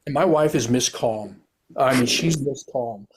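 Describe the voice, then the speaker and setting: A man's voice: medium pitch, a little slow. Earnest retired cop telling his story. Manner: rambling, earnest, self-correcting restarts. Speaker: guest, retired police officer and author. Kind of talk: candid conversational storytelling.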